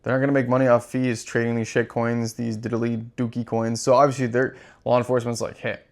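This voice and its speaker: A man's voice: mid-range voice, little pitch movement, brisk, creaky, a little mellow. A man hosting his own channel, delivering an impassioned, profane and repetitive rant. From United States. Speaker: crypto channel host. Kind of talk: impassioned monologue.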